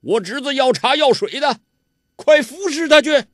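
A man's voice: very high-pitched, animated, normal speed, dry recording, clean studio sound, voice pushed up. A man voicing a menacing, domineering older male villain who barks threats and orders. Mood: bullying, threatening.

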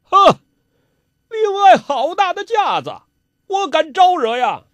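Male storyteller as old martial-arts master: high-pitched, theatrical, scheming. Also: sing-song, slow pace, no room sound, full character voice. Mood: scornful. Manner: exclaiming, theatrical.

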